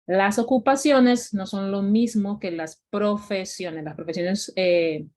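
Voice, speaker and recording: A woman's voice: mid-range voice, a little mellow. Colombian woman teaching English grammar. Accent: Colombian Spanish. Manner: explains slowly with many fillers, models English examples word by word. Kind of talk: online class lecture.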